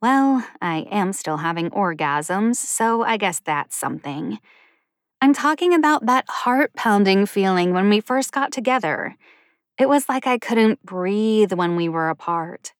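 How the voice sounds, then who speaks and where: A woman voicing an eager, bubbly young woman in her twenties who talks in an excited, pushy way, read as an audiobook character voice. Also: mid-range voice, a little slow, dry recording, studio quality, close to an everyday voice. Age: 20s.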